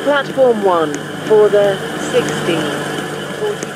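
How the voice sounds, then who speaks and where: Slow automated train announcement, woman. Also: medium pitch, lively intonation, very noisy.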